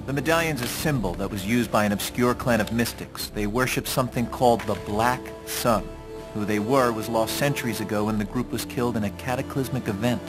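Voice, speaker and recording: An actor playing an older mission chief giving a measured briefing in a video game cutscene. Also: male voice, mid-range voice, music in the background, natural voice, low-quality recording.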